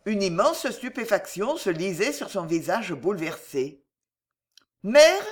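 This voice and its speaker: A woman narrating a dramatic novel as an audiobook in a measured, lowered voice. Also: big pitch swings.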